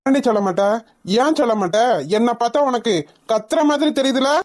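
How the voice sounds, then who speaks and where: A hot-tempered cartoon husband who yells threats at his wife, voiced by a performer. His voice sits at a middle pitch and stays loud and accusing. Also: brisk, natural voice. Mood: angry. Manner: shouting, threatening. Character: angry young husband and father. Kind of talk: cartoon voice acting.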